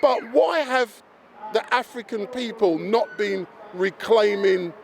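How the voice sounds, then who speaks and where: A man's voice: high voice, lively intonation, takes it slowly, gravelly. A man interviewing people outdoors at a festival, asking friendly, probing questions. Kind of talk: street interview.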